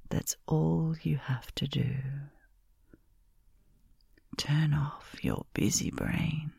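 A woman whispers close to the microphone in a soft, gravelly hush, unhurried and gentle. Her low voice stays dark and breathy as she coaxes the listener to rest. The sound is dry and intimate. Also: steady tone, no room sound. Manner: soft, slow, soothing whisper. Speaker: comforting caretaker in a roleplay. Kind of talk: whispered ASMR sleep roleplay.

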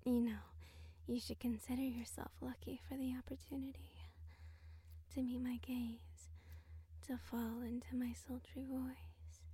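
A woman voicing a sultry, dominant royal creature in a whispered role-play, breathy, seductive and teasing, speaking close to the microphone. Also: a little high, flat delivery, dark tone, no room sound. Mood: sultry, hypnotic. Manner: slow, seductive, commanding, teasing. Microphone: very close microphone, dry.

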